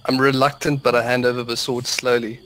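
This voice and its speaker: A man's voice: mid-range voice, flat delivery, brisk, a bit bright, low-quality recording. A man playing in a tabletop game, describing his character's actions and laughing often. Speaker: player. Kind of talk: tabletop role-play as a player.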